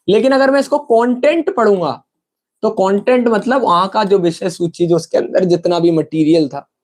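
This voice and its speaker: A man with an Indian accent leads a live English class online. He explains in Hindi and slows right down to read English sentences word by word, often asking his viewers whether they have understood. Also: sits high, darkish tone. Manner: addresses viewers as friends, asks if they understood. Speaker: English teacher.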